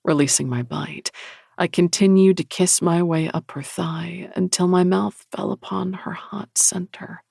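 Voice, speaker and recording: A man narrating a romance audiobook in the first person, measured and intimate. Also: high-pitched, fairly even intonation, vocal fry, a little mellow, breathy edge, no echo, clean studio sound.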